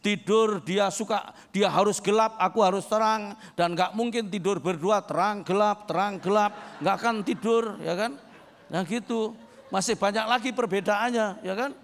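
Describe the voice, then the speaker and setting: An older pastor from East Java preaches with humor and tells stories, dropping into low asides and then shouting his points. His voice is fairly high for a man and gravelly. It rings out with a long reverb, as in a large hall. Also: moderate pace. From East Java, Indonesia. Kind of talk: humorous sermon.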